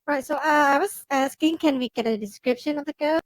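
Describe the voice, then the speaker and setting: A woman's voice: high-pitched, fairly quick, dry recording, clean studio sound. A woman playing a tabletop game, eagerly asking questions. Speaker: player. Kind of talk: casual game table chat.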